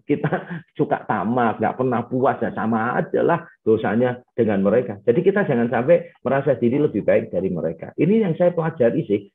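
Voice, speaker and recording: A middle-aged male pastor giving a casual teaching talk in a webinar, chatty and sprinkled with English phrases. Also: mid-range voice. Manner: conversational, mixes in English phrases, frequent "gitu" fillers. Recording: tinny phone-like webinar audio.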